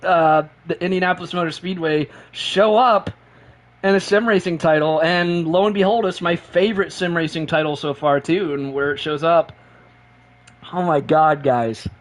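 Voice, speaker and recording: Streaming a racing game live, a high-voiced man speaks at a normal speed, bubbling with excitement. Short on sleep and heavy on caffeine, he rambles on and repeats himself.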